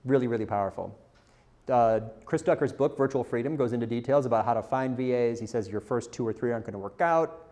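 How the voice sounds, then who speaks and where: The man's voice sits at medium pitch with a darkish tone, and he talks fast. He's a content marketer presenting at a conference, casual and candid, joking at his own expense while questioning the room.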